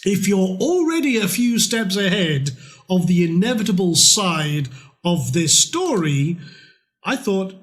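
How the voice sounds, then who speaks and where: A middle-aged man from Scotland, presenting a trading course in a conversational sales pitch, chatty and blunt with mild swearing. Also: sing-song, measured pace.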